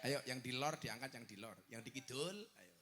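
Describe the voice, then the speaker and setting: A man's voice: medium pitch, lively intonation, moderate pace, big-room sound, heavy background noise. A man preaching a humorous live sermon, teasing the crowd and breaking into sung prayers.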